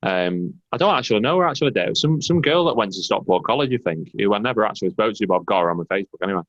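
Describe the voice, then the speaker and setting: A jokey English man bantering on a football podcast. His voice is a little low. It comes through a dry, slightly muffled mic. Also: animated, rapid-fire, a bit bright, dry recording. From England. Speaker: podcast co-host. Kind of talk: casual chat.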